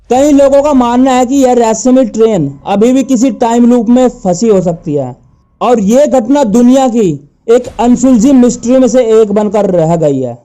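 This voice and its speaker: A man with a very high-pitched voice narrates a scripted mystery tale for his channel. His tone is dark and mellow. He talks to listeners as friends and builds suspense.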